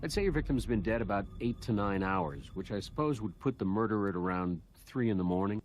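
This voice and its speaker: An actor playing a genial, chatty medical examiner in a video game, with dry humor about gruesome findings. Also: male voice, fairly low pitch, fairly quick, slight background noise, natural voice, rough recording. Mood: genial, wry. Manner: chatty, dryly humorous, matter-of-fact about gruesome details. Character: genial, wry male medical examiner in a morgue. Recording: game dialogue with clear music underneath.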